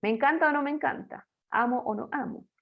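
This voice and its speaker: A woman's voice: high-pitched, fairly quick, vocal fry, lo-fi sound. A woman teaching English grammar in a playful, chatty way, explaining rules to students in a recorded lesson.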